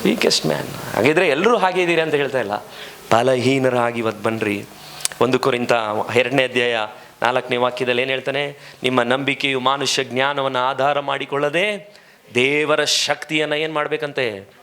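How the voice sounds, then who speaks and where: A man's voice: mid-range voice, steady tone, normal speed, a bit bright, a little hiss or hum. A man preaching a sermon as pastor to his congregation, impassioned, with many rhetorical questions, speaking. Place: church hall.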